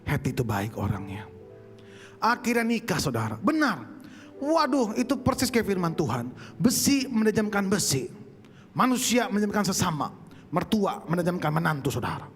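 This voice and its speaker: A chatty man tells a funny personal story to a church congregation, with a high, bright voice. He turns to his listeners often as he talks. His voice rings out in a hall with a long echo, and soft music plays behind him. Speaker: singer giving a testimony at church. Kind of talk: humorous church testimony. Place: church service.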